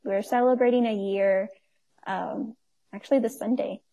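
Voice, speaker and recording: A woman in her twenties, the owner of a nonprofit, makes easygoing conversation as an interview guest, laughing often and leaning on fillers. Her voice is warm and mid-range, with fairly even intonation and a moderate pace.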